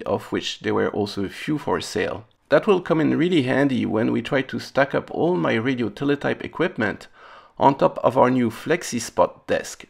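This electronics restoration channel host has a gravelly, husky voice in the mid range. He walks through a hobby electronics demonstration casually, with a wry, playful sense of humor.

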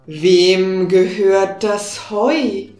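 A woman voicing a dignified fairy-tale king, speaking slowly and grandly. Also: mid-range voice, fairly even intonation, darkish tone. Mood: stately. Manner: slow and dignified. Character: slow, stately, amazed old king. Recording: roomy with faint music behind.

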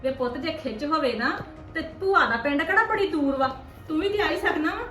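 A woman playing a sharp-tongued married sister visiting her brother's home, complaining and scolding, in a scripted family drama. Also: sits high, expressive, a little fast, far from the mic, faint music behind. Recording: echoey room from off-mic.

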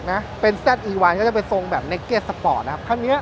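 A man in his thirties presenting bikes at a busy indoor motor show in a lively, chatty way, speaking into a lapel mic. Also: high voice, moderate pace, noisy background. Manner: lively, chatty, points things out. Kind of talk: casual walkaround presentation. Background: music.

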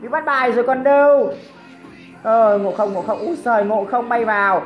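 A woman giving excited commentary over her own mobile game match, full of exclamations and teasing jabs at opponents. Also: on the high side, normal speed, muffled recording, soft background music. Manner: exclamatory, teasing opponents, frequent cries of surprise. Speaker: gameplay commentator.

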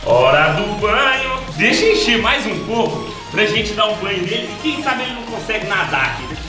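A young Brazilian man chats in loose slang to his viewers and his dog, in a somewhat high voice. Loud music plays under the recording throughout. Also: very animated, brisk. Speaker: vlogger. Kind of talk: casual vlog talk.

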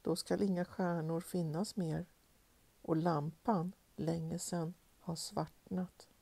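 A woman reading poetry aloud in a measured, rhythmic recitation with repeated refrains. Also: on the low side, level tone, creaky, dark tone, breathy edge, no echo. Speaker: poetry reader.

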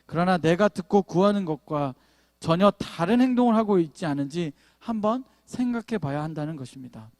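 A man's voice: sits high, a little mellow, no echo, clean studio sound. A male pastor preaching a Friday prayer service sermon, telling a personal story with playful asides to the congregation. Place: church sanctuary.

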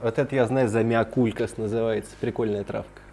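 For his aquarium video series, a man chats his way through an indoor tour of large tanks in a lowish, mellow voice, fairly quick and fairly even in intonation. The vlog talk is casual, slangy and enthusiastic, with noticeable background noise.

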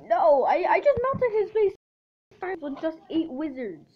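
A woman's voice: very high-pitched, very animated, measured pace. A woman in casual, boastful banter while playing a video game. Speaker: gamer. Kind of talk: casual chat while gaming. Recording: lo-fi with faint noise.

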